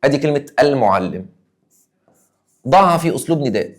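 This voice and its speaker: A man's voice: medium pitch, lively intonation, quick pace. A young man with an Egyptian Arabic accent, a teacher giving an exam review lesson, emphatic and acting out his students' questions.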